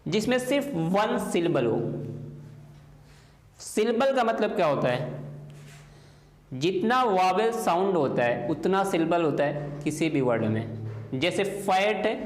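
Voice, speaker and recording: Man teaching grammar slowly, letter by letter. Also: high voice, sing-song, echoey room, slight background noise, rough recording. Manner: slow, step-by-step, spelling out letters. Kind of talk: explaining English grammar in a lesson.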